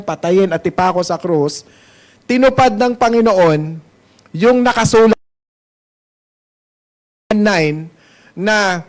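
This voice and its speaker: In a church service hall, a Filipino-accented pastor with a high-pitched voice preaches a Sunday sermon. He mixes Tagalog and English and keeps posing questions to the congregation.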